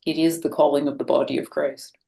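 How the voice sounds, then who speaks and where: Creaky-voiced woman priest, candid and wry. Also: low-pitched, flat delivery, fairly quick, mellow. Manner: candid, self-deprecating storytelling with laughter. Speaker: Anglican priest. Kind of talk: webinar conversation. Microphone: video call.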